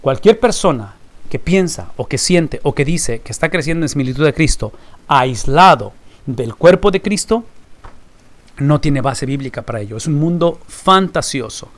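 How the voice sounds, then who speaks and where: A man teaching a recorded Bible class, emphatic and fond of rhetorical questions he answers himself. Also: on the high side.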